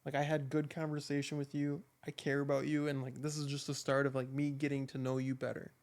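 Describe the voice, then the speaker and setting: Gravelly-voiced laid-back man. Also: mid-range voice, monotone, fast talker, darkish tone. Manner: laid-back, sincere, repeats his points. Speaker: podcast co-host. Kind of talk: casual podcast chat. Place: podcast set with camera and microphones.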